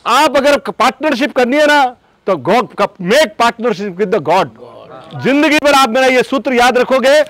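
Guy doing motivational storytelling, super high voice, folksy and chatty, keeps calling you boss. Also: unhurried, no echo. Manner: folksy, animated, addresses listeners as boss.

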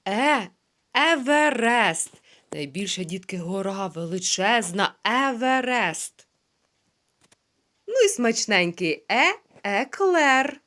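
A woman teaching a phonics lesson to young children, sounding out words slowly syllable by syllable. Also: mid-range voice, expressive, fairly bright tone. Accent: Ukrainian. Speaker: preschool teacher.

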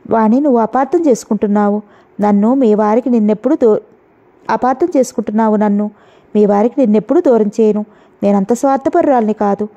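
A wounded woman doctor pleads earnestly to be understood, as a woman reader plays her. The tone is mellow and a little high. The recording sounds dull and lo-fi. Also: fast, natural voice. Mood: pleading. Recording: dull lo-fi audio.

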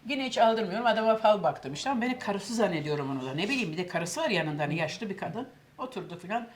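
Lively older woman telling a story. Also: mid-range voice, fast. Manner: lively storyteller, acts out quoted voices. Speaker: cooking show host telling a story. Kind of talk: casual anecdote.

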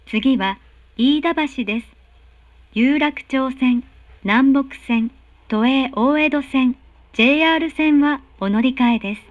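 A slow, formal train announcement comes from a woman whose high voice stays courteous and precisely articulated. Heard through a subway carriage speaker, the sound is dry, slightly muffled, and free of room sound.

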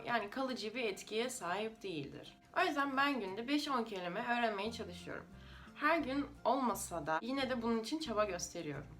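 This language-learning creator, a native Russian, chats with viewers in accented, slightly off-idiom Turkish. Her voice is mid-range and a little bright.

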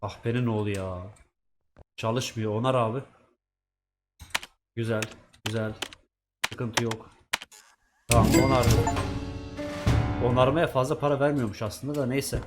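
Guy rambling over a sim game, mid pitch, music going behind him. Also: fairly even intonation, measured pace, pauses often. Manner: chatty, swears at characters, talks to himself while playing. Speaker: gaming YouTuber. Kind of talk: casual let's-play commentary.

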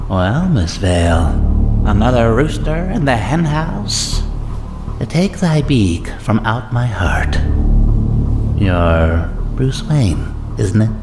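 The Joker, slow theatrical menace. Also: male voice, lowish voice, big pitch swings, music in the background, full character voice. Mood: mocking. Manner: theatrical, mocking, drawn-out delivery. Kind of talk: audio drama acting.

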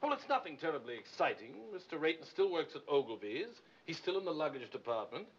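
A chirpy upper-class English manager. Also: male voice, fairly high pitch, sing-song, quick pace, breathy edge. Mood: polite. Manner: chirpy, clipped, fond of stock phrases. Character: jolly affected English theatrical manager, middle-aged man. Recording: dull, hissy 1950s film soundtrack.

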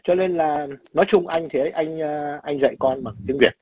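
A man's voice: a little high, a little fast, darkish tone, dry recording, rough recording. A man in his sixties from Vietnam with a Northern Vietnamese accent, telling blunt, profane stories in casual chat. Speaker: emigrant father.

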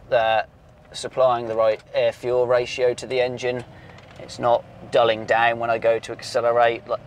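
In a mid-range voice with a little hiss or hum behind it, a male mechanic gives a casual technical walkthrough of a car's engine, bantering, saying "um" a lot and restarting often. A lapel mic records him in an outdoor workshop yard and later inside a moving car.

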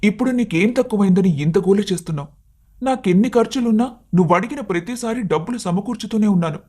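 A man voicing a patient young husband in an animated story, reasoning and pleading with his wife, now and then angry. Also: high voice, fast, slightly rough. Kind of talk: animated cartoon story voice acting.

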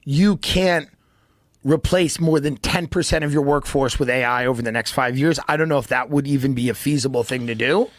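A medium-pitched American man in his thirties talks fairly quickly as a podcast guest, keeping things casual, joking and sardonic. The setting is an indoor podcast studio, with headphones and a close, arm-mounted dynamic mic. The audio has studio quality and no echo.

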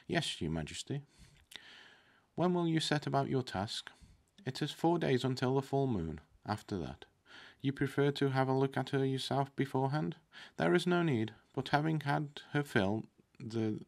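Here a man in his thirties, medium-pitched and creaky, reads a fantasy book aloud, sometimes getting a word wrong and then setting it right. A desktop mic sits close in front of him at his desk in a curtained indoor room.

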